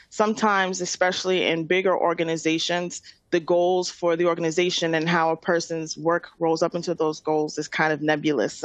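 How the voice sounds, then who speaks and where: A woman's voice: lowish voice, no room sound. Middle-aged woman with a New York accent. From Queens, New York City, USA. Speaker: webinar presenter, nonprofit finance director. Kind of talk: informal webinar presentation.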